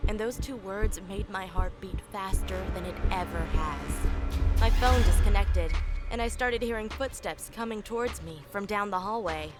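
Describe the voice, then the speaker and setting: A woman's voice: medium pitch, unhurried. A woman giving earnest, scripted first-person horror narration in a breathless storytelling way. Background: music.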